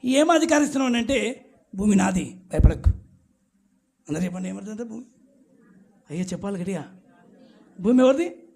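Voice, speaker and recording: A man's voice: sits high, expressive, moderate pace, creaky, long pauses, a little mellow, husky. A man preaching an emphatic sermon at a church night service, urging the congregation to call back answers aloud.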